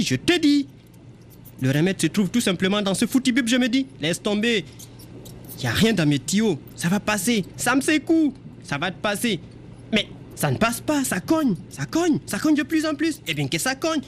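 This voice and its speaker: A jittery little mouse, desperate for a drink, squeaks and mutters in frantic loops, as a man reads her aloud. The voice climbs high and nervous and keeps repeating itself. This is a performed reading of a stage text. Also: a little hiss or hum. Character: addicted jittery female lab mouse craving drink.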